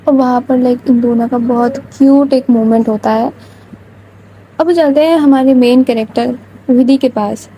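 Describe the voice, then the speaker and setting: A woman's voice: high voice, steady tone, warm tone, slight background noise, poor audio. A woman telling a romance story in a casual, chatty way, with frequent filler words.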